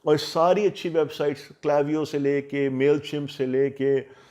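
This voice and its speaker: A man's voice: on the high side, flat delivery, slow pace, darkish tone. Emphatic man giving advice. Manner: emphatic, mixes Urdu and English mid-sentence, repeats points for stress. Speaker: host giving career advice. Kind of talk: casual advice monologue.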